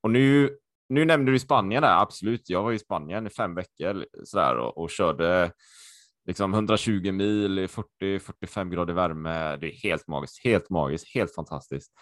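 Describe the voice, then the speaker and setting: A man co-hosting a podcast over a video call, excitable and chatty, repeating himself with lots of fillers. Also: low-pitched, dry recording, studio quality. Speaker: podcast co-host.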